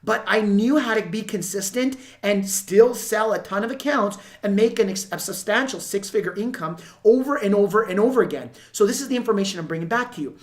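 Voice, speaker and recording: A woman sales coach and video host gives unscripted instructional commentary to viewers in a mid-range voice, a little fast with few pauses. She's emphatic, repeats key points and acts out example dialogue.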